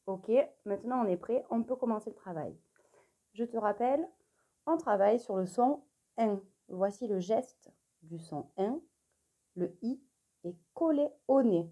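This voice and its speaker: A young adult woman teaching a remote spelling lesson to young children, dictating clearly and spelling letters one by one, encouraging the child directly. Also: medium pitch, mellow. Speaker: primary school teacher.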